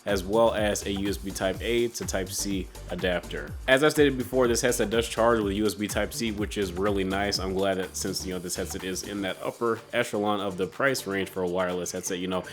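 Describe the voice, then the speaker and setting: Low-voiced congested man reviewing tech. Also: fairly even intonation, brisk, few pauses, faint music behind. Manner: informal, conversational delivery. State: sick, congested stuffy voice. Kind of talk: casual scripted product review.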